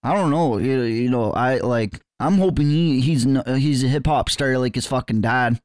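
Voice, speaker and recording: A man's voice: mid-range voice, moderate pace, a little mellow, clean tone, no echo, clean studio sound, close to an everyday voice. A man playing a crude, cocky young small-town rapper who swears nonstop and calls everyone bud, as a guest in an improvised comedy interview. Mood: brash.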